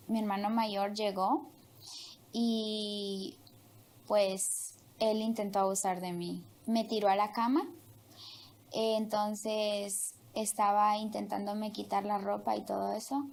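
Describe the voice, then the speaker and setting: In this testimony interview, a young woman from Honduras haltingly shares her life story, with plenty of fillers. She has a medium-pitched voice with a darkish tone.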